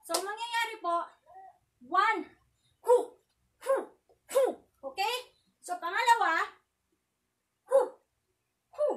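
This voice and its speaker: A woman with a very high, bright and sharp voice, out of breath as she leads a casual self-defense drill. She chats, laughs easily and barks out counted shouts. Her voice sounds distant from the mic. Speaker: self-defense tutorial vlogger.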